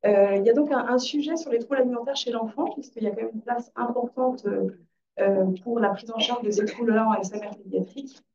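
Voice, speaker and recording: A woman's voice: on the high side, a little fast, dark tone. A woman moderating a conference session, introducing the topic and speakers. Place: conference room. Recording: distant, dull conference microphone.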